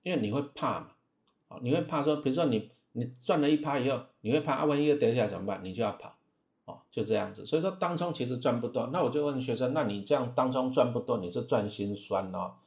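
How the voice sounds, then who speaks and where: A man's voice: mid-range voice, fast talker, vocal fry, a little mellow. A man with a Taiwanese Mandarin accent, a stock trading teacher talking casually about investing, peppering his speech with filler sounds and rhetorical questions.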